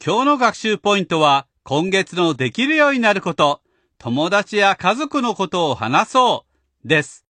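Male lesson host, high bright voice, slow patient delivery, dry studio sound. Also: very animated, no room sound, faint music behind. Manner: clear, patient, instructional. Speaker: language teacher host. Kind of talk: explaining grammar in a radio lesson.

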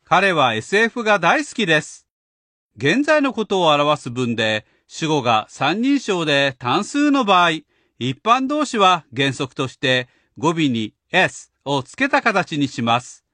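A man teaches grammar in a lesson, his voice pitched high and moving widely. He speaks slowly and clearly, with a patient, instructional manner. The recording is close and dry. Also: wildly swooping pitch, sharp tone, no room sound. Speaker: language teacher host. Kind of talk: explaining grammar in a radio lesson.

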